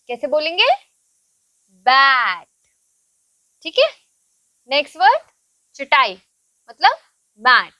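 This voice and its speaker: Bright high-voiced woman teacher. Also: no room sound. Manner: patient, repeats and spells words slowly for kids. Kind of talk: English lesson for children.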